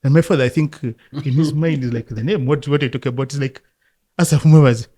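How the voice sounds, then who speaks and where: A man's voice: mid-range voice, quick pace, warm tone. Reflective Ugandan man telling stories. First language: Luganda. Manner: reflective, laughs often, many restarts. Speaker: interview guest, football coach. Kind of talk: relaxed storytelling conversation.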